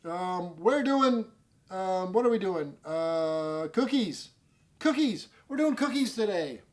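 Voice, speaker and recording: A man's voice: high-pitched, lively intonation, slow. A man hosting a casual comedy food review show, joking at his own expense and rambling with fillers. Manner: self-mocking, jokey, rambling with fillers. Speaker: host.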